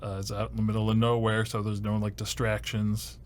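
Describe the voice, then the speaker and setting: A man's voice: on the low side, completely flat delivery, a little fast, slight background noise. A man in his fifties from Ohio, a podcast host answering interview questions in a rambling way, full of "you know" and dry jokes, recorded in a podcast studio. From Ohio, USA. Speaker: host and first-year university advisor.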